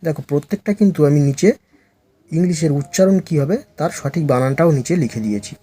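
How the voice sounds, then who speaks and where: A male teacher slowly drilling English letter sounds for beginners, his first language Bengali. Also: on the high side, expressive, mellow, slight background noise. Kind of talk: phonics lesson for beginners.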